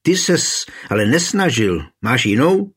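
A man's voice: medium pitch, lively intonation, close to an everyday voice. A man voicing a fiery, blunt middle-aged noblewoman who scolds in a raised, heated voice, in an audiobook reading. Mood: furious scolding.

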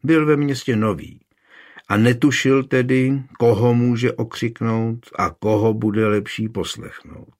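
A man narrating a historical audiobook in a measured, steady way. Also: medium pitch.

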